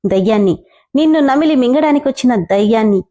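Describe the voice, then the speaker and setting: A prankster man hidden behind a ghost mask snarls his threats in an audio story, voiced by a woman narrator. The pitch sits fairly high and the tone stays soft and mellow. The manner is menacing and mocking throughout. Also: expressive, a little fast, natural voice. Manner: growling threats.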